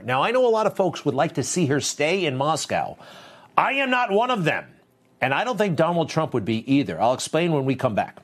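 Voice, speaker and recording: A man presents a talk show in a conversational, opinionated monologue. His mid-pitched voice moves up and down a great deal as he drops wry asides and rhetorical questions.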